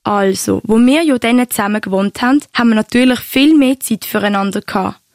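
A woman's voice: a little high, brisk, a little mellow, no room sound, clean studio sound, natural voice. A woman voicing a fond, chatty grandmother who tells her story in a Swiss German accent. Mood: reflective. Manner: fond, storytelling, a bit bashful. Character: warm chatty Swiss grandmother recalling romance. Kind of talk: amateur audio drama.

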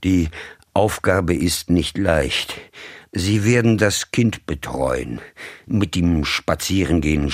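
A man reading the part of a cold, formal agent who speaks in a measured, commanding way. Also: a bass voice, dry recording, studio quality, exaggerated voice. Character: cold, commanding middle-aged male agent of a rich employer.

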